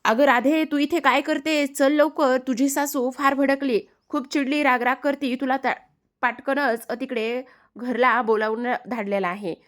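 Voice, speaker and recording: A woman voicing an excited village boy who rushes in with urgent news, talking in a hurried, pressing way. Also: fairly high pitch.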